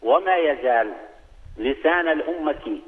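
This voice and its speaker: A man's voice: a little high, expressive, a little slow. A man on a phone call, giving a formal greeting and then reciting a poem in a declamatory manner. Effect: heard over a phone line. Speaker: phone-in guest poet. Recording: tinny phone line.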